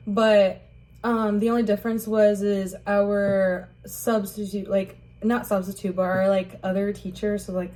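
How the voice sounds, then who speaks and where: The audio here is poor, but you can hear a young woman from Rockford, Illinois, USA, unhurriedly recounting her life story for an interview. Her medium-pitched voice is dark and fairly flat, and her casual, hesitant speech is full of "um" and "like."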